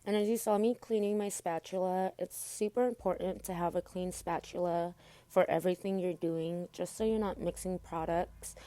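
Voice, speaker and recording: Mellow, low-voiced woman giving a tutorial. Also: steady tone, normal speed, no room sound. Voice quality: speaks with braces in her mouth. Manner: chatty, informal, addresses viewers as guys. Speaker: makeup tutorial host. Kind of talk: casual tutorial voice-over.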